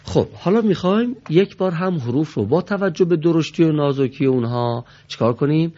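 A man's voice: a little high, lively intonation, warm tone, dull audio. A man teaching a Quran reading class, patient and formally polite, saying letter sounds for his students to repeat. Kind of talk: classroom instruction.

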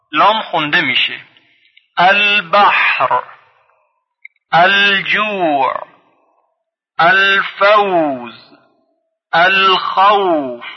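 A man teaching a recorded lesson on reading the Quran. He draws out each example word slowly, then explains briskly. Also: fairly high pitch. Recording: dull lo-fi sound with long reverb.

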